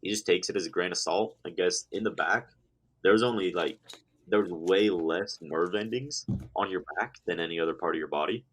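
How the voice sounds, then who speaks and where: A man's voice: low-pitched, moderate pace, a little hiss or hum. A young man co-hosting a casual chat, talking in a laid-back way with lots of filler words. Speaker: podcast co-host.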